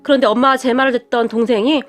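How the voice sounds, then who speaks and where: A woman's voice: fairly high pitch, fairly even intonation, fast talker. A woman narrating a family story in a chatty, dramatic manner.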